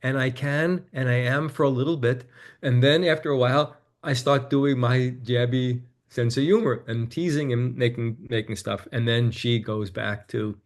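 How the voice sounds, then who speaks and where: A man, a guest on an interview, telling a personal story in a candid, reflective way and growing animated as he quotes his own conversations. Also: mid-range voice, moderate pace.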